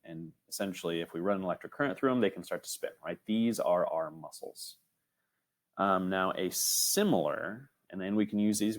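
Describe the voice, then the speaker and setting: A young man teaching an online robotics lesson in a casual, rambling way, often checking in with "right?" and filling pauses with "um". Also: sits low. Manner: casual, filler-heavy, frequent "right?" checks.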